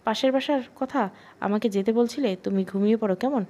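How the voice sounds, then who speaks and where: A woman voicing a playful, teasing young husband in an audio storybook, her tone mellow and low-key. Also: fairly quick, natural voice. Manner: teasing, affectionate.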